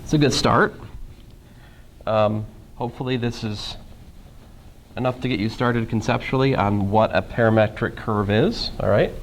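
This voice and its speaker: Dry, sarcastic male math lecturer, gravelly. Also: lowish voice, moderate pace, long pauses, a little hiss or hum, poor audio. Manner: casual, dry sarcastic humor, talks through steps with questions to students. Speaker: math professor. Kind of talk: classroom lecture. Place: lecture classroom.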